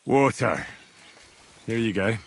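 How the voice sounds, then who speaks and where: A man's voice: fairly low pitch, expressive, slow. An actor playing a young male hero in a video game who asks short, dry questions.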